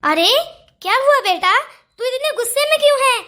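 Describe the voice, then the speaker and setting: A woman's voice: very high-pitched, animated, normal speed, pushed and bright, heavily acted. A fussing cartoon mother. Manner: fussy, scolding. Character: older mother, fussing and scolding. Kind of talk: cartoon voice acting.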